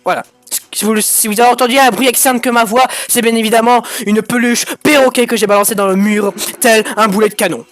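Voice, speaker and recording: A man giving excitable, crude let's-play commentary as a gaming YouTuber, breaking into sudden shouted outbursts. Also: very high voice, fairly quick.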